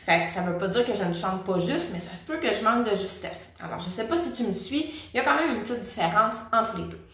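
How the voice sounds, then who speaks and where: A woman's voice: mid-range voice, lively intonation, quick pace, fairly bright tone, slight background noise. A woman with a Québécois French accent teaching singing in a chatty, direct way, speaking straight to the viewer. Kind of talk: casual vocal lesson. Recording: very echoey room.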